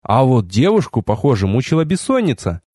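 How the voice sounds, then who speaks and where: A man reading a first-person audiobook in a wry, expressive way with sardonic asides. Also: medium pitch, fairly quick, breathy edge, no echo, clean studio sound. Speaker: audiobook narrator.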